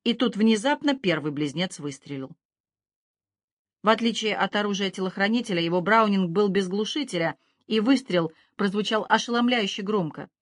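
A woman narrating a thriller audiobook in a steady, even reading manner. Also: mid-range voice, normal speed, no echo, clean studio sound. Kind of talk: scripted narration.

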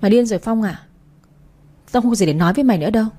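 A woman's voice: medium pitch, racing, dark tone, close to an everyday voice. A woman voicing a man's blunt, loyal friend who speaks in an exasperated way. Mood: angry.

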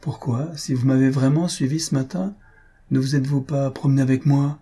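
A man reading aloud, voicing a shy young countess who answers softly and hesitantly, in a husky voice. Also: mid-range voice, level tone, fairly quick, pitched above the performer's own voice, natural voice. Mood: flustered.

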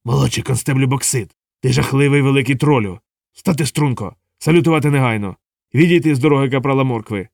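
A man voicing a big male troll sergeant who barks orders gruffly. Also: medium pitch, quick pace, darkish tone, dry recording, clean studio sound, distant mic, close to an everyday voice. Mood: bossy.

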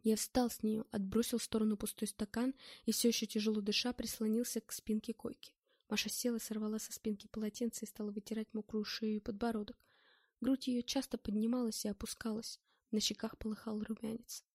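A woman narrates a first-person novel in a measured, even reading. Her voice sits a little high but mellow. The sound is close and dry. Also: slightly rough, no room sound. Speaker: audiobook reader.

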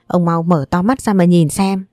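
A woman reading as a tearful, hoarse mother. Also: on the low side, fairly even intonation, moderate pace, mellow, no room sound, clean studio sound, lightly acted. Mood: anguished. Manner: pleading, anguished. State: hoarse from crying. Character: distraught mother, tearful and frantic.

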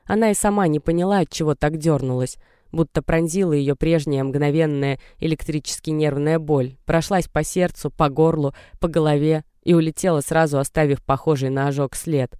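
A man narrating a novel as an audiobook, wistful and gently ironic. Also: on the high side, fairly even intonation, moderate pace, clean tone, no echo, clean studio sound. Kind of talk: scripted storybook narration.

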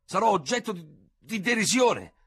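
A man voicing a hot-headed, defeated French general who shouts in stammering outrage. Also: very deep voice, lively intonation, brisk, husky, dry recording, full character voice. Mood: outraged.

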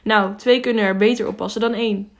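A woman reading the part of an eager, cheerful young male mountain guide who pleads in a lively way. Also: medium pitch, quick pace, natural voice.

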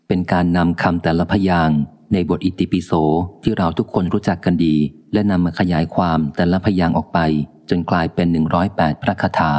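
Male audiobook reader, very low voice, solemn and measured, long reverb. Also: darkish tone. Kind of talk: calm scripted book reading.

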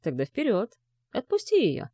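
A woman's voice: on the high side, wildly swooping pitch, normal speed, mellow, no room sound, studio quality, pitched above the performer's own voice. A woman reading an audiobook, voicing a menacing, mocking rich father who growls harsh orders at his son. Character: menacing, scornful rich older father, a man.

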